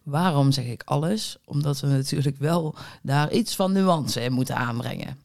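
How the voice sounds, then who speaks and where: A woman hosts her own podcast as a diet coach, talking straight to the listener in a loose, chatty monologue. Her voice has a gravelly, fry-tinged edge. She is blunt, swears now and then, and acts out the listener's inner thoughts. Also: a bass voice, moderate pace, a little mellow. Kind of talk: casual solo podcast monologue.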